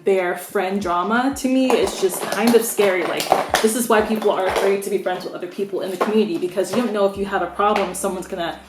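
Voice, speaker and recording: A woman's voice: mid-range voice, quick pace, heavy background noise. Frank young woman in a roomy space. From United States. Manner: frank, opinionated, conversational with many "like"s. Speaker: beauty vlogger. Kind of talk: candid opinion vlog. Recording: roomy echo.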